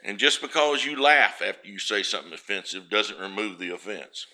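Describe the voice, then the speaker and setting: A man with a naturally loud, lowish, expressive voice delivers a folksy sermon a little fast. His preaching is homespun and story-driven, rising loud for emphasis.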